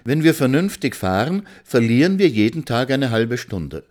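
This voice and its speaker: A theatrical woman who exclaims everything as if it were a tragedy, pitched well above the reader's normal low voice. She is put on by a male narrator reading a storybook aloud. The delivery is loud and pushed. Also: very animated, normal speed, lightly acted. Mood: eager.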